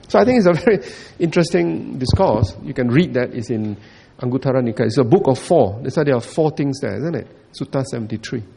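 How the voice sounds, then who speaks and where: A man's voice: medium pitch, creaky, mellow, husky. A man giving a Buddhist dharma talk, repeating points, checking in with listeners and chuckling often. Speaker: Buddhist teacher.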